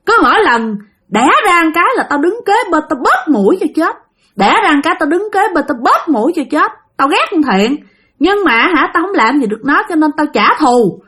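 A woman with a Southern Vietnamese accent voicing a vengeful female ghost who was murdered, with a shrill, piercing voice and bitter, repeated accusations. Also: sing-song, a little fast, fairly bright tone.

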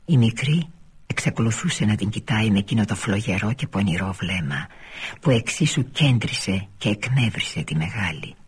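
A man reads a literary novel aloud for radio in a low, very husky voice. His delivery is measured and often sinks to a near-whisper. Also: animated. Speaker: reader.

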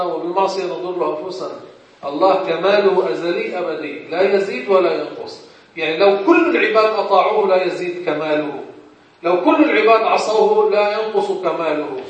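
Levantine man teaching a religious lesson. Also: high-pitched. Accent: Levantine Arabic. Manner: asks rhetorical questions and answers them himself. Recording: very echoey room, distant mic.

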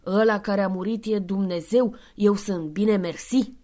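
A woman's voice: medium pitch, steady tone, dark tone, close to an everyday voice. A woman reading the lines of an indignant, old-fashioned male Santa Claus in an audiobook, brusque and proud.

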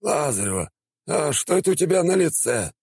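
A man's voice: on the high side, very animated, moderate pace, creaky, a little mellow, breathy edge, no echo, studio quality, pitched above the performer's own voice, exaggerated voice. A man voicing a jovial elderly male teacher in an audiobook, drawling and exclaiming heartily. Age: older. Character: spry old male teacher, jovial and warm.

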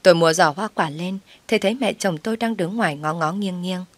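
Woman narrator, low voice, dry close sound, brisk first-person storytelling. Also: no room sound.

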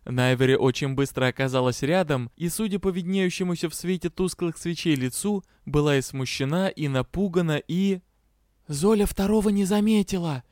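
Man, audiobook narrator, expressive, smooth voice, dry studio sound. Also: a little high, moderate pace, hardly any pauses, no echo. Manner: lively, expressive reading. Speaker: audiobook reader. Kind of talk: scripted narration.

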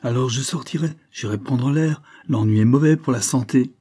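A man voicing a sharp, scolding spinster sister-in-law who contradicts everything. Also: mid-range voice, moderate pace, breathy edge, pitched above the performer's own voice, natural voice. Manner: sour and contradicting.

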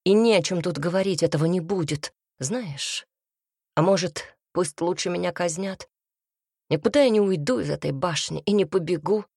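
A woman's voice: lowish voice, moderate pace, creaky, darkish tone, slightly rough, no echo, clean studio sound. A woman reading the part of a fiery, defiant young man in a storybook, speaking with vehemence and bitterness. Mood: fierce defiance. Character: young man, hot-tempered, defiant, devoted lover.

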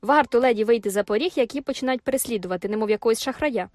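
A woman's voice: on the high side, very fast, darkish tone, no room sound, studio quality, close to an everyday voice. A woman playing a proud, haughty young mistress. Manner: cool haughty retorts. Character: proud composed young female farm owner.

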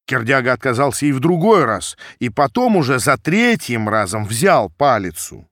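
A man narrating classic prose for an audiobook with an expressive delivery. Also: medium pitch, moderate pace, no room sound, studio quality.

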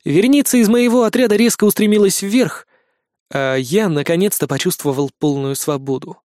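A man narrating a first-person novel in an expressive, wry reading. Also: high-pitched, normal speed, dry recording, clean studio sound. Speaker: audiobook narrator.

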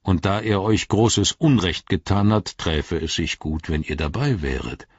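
A man voicing an ancient, wise wizard who speaks in a grave, measured, riddling way in an audiobook reading. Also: sits low, breathy edge, dry recording, highs cut off. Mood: solemn.

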